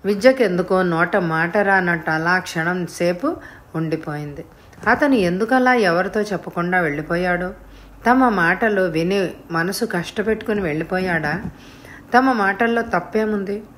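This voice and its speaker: A woman narrating a serialized novel in a calm, even storytelling voice. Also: fairly low pitch, normal speed. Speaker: audiobook reader.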